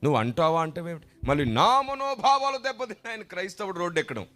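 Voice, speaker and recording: A man's voice: high voice, fast talker, faint music behind. A man preaching a sermon as a pastor, telling a story and acting out the voices of the people in it. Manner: animated, acts out voices in his stories.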